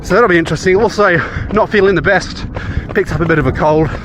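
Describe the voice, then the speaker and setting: A man's voice: high-pitched, quick pace. An Australian man chatting casually in a running vlog, recorded outdoors. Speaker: running vlogger. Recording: clear outdoor background noise.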